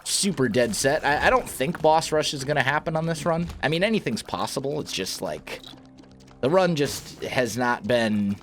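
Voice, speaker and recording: A man's voice: medium pitch, expressive, moderate pace, a bit bright, soft background music. A man with a groggy morning voice, chatting casually and thinking aloud as he plays a video game, often correcting himself mid-sentence. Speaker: let's play host. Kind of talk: casual gameplay commentary.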